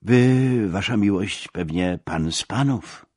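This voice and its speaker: A man's voice: fairly low pitch, slow pace, darkish tone, dry recording, clean studio sound. A man voicing a talkative coach driver with a Russian accent. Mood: mocking. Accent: Russian-flavoured Polish. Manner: talkative, mocking.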